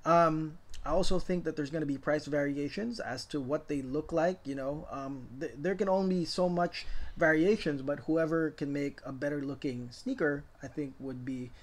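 A middle-aged man who resells sneakers talks over product shots in a loose, rambling voice-over, full of fillers and restarts. His voice sits somewhat high for a man, and he sounds keen and animated about the subject. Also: normal speed, hardly any pauses. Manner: rambling, filler-heavy, enthusiastic. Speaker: sneaker reseller and channel host. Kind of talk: casual voice-over commentary.

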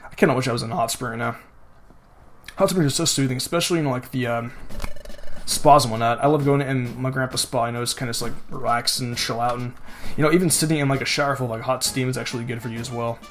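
A man's voice: medium pitch, steady tone, fast, fairly bright tone. A young man hosting a let's play, rambling casually with lots of "like" and frequent swearing. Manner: rambling and profane, heavy use of "like". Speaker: gaming channel host. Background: game music.

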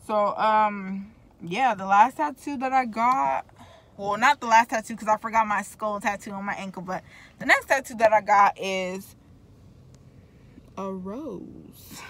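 A woman's voice: medium pitch, unhurried, fairly bright tone. A young woman with braces chatting casually to the camera in a car, rambling and slangy, often interrupting herself. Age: young adult. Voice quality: talking with braces. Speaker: vlogger. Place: inside a parked car.

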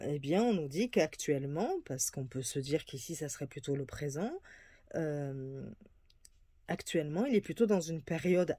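A woman's voice: deep voice, dark tone, no echo, clean studio sound. Hesitant woman presenting oracle cards. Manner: hesitant, many fillers and restarts. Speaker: tarot and oracle card reader. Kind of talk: casual card reading presentation.

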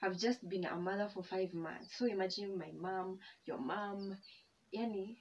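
A woman's voice: mid-range voice, unhurried. Chatty young Kenyan woman vlogging. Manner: chatty, code-switching, emotional and grateful. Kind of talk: casual chat while eating. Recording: distant mic, dull sound, faint background hum.

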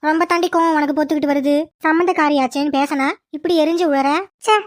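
A performer voicing a scheming, quick-tempered middle-aged mother who scolds and insults in a cartoon. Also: high-pitched, fairly even intonation, natural voice. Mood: scornful. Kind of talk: cartoon voice acting.

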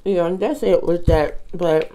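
A woman's voice: on the low side, slow, mellow. A young woman vlogging at home while eating, talking to her viewers in a laid-back, chatty way. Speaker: mukbang vlogger. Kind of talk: casual chat while eating. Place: at home with family nearby.

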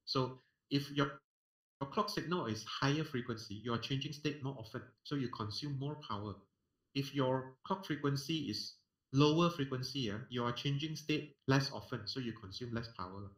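A man's voice: medium pitch, moderate pace, fairly bright tone. A man with a Singaporean accent giving an explanatory technical lecture in a colloquial way, often posing questions and answering them himself. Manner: colloquial, uses sentence-end particles, poses and answers own questions. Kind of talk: explanatory technical lecture over screen share. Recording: roomy, echoing online lecture audio.

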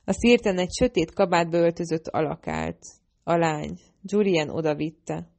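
A woman narrating a fantasy audiobook in the first person, with a steady, measured reading. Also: fairly low pitch, gravelly.

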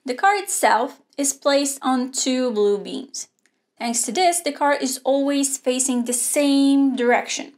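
A young woman presenting a scripted online robotics lesson in a studio, explaining clearly and steadily. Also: high voice. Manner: clear, measured explaining with hand gestures. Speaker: robotics teacher. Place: indoor studio with a grey backdrop.

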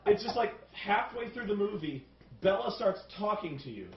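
Animated, profane man hosting a review. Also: high voice, moderate pace. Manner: animated, profane, riffing rants. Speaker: review show host. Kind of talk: casual group film review. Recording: roomy, distant, dull sound.

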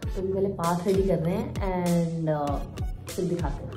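A woman's voice: fairly low pitch, fairly even intonation, unhurried, music in the background. A woman in her thirties chatting casually as a family vlogger, mixing in English words. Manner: chatty, switching between Hindi and English. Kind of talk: casual family vlog chat.

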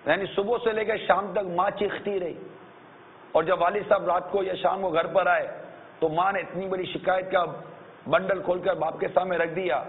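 A man preaching a sermon, animated and earnest, acting out shouting parents and pleading with his listeners. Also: sits high. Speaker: religious preacher. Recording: tinny narrow-band lecture recording.

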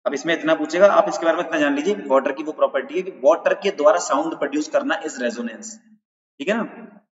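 A man's voice: a little high, fairly quick. Man lecturing in a roomy classroom. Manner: explains in Hindi mixed with English terms, repeats key points as questions. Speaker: teacher. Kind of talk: exam-prep lecture. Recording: roomy, distant, dull sound.

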